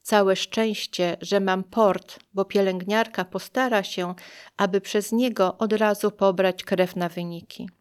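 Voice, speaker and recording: Woman, memoir reading, measured, reflective, clear smooth tone. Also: mid-range voice, fairly even intonation. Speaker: narrator of her own story. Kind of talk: first-person memoir reading.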